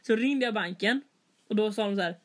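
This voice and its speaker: A young woman telling an everyday story in casual chat, acting out the people she talked to. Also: mid-range voice. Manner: animated retelling, acts out quoted exchanges.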